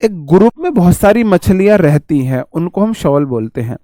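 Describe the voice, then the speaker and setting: A man giving a casual online vocabulary lesson, repeating key phrases and leaning on everyday examples. His voice sits a little high for a man yet sounds dark and mellow. The recording is dry and close, with no room sound. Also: big pitch swings, moderate pace, no room sound. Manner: addresses viewers as "my brother". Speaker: vocabulary teacher. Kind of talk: online exam-prep class.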